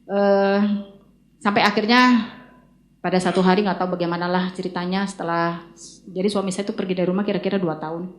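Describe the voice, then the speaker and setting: A woman's voice: lowish voice, a little fast, long pauses. Woman sharing a faith testimony in a roomy space. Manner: animated storytelling, acting out remembered dialogue. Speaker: church testimony speaker. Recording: roomy echo.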